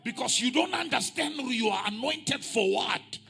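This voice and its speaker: A bishop preaching a sermon at a pulpit microphone, moving between calm teaching and loud, shouted climaxes. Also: male voice, extremely high pitch, normal speed, vocal fry. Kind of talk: sermon, mixing English and Sesotho. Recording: music playing behind.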